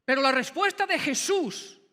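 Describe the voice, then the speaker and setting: A man's voice: very high-pitched, moderate pace, bright, forceful tone. A man preaching a sermon, dramatic and emphatic, firing rhetorical questions at the congregation. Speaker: pastor. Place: church sanctuary. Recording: long church hall reverb. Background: church hall reverb.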